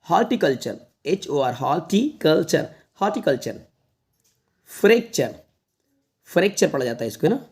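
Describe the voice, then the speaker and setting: A man teaching an online lesson to students, repeating each word slowly several times in a patient, reassuring way. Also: fairly high pitch, very animated. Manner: reassuring, addresses the viewers as children. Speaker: English teacher.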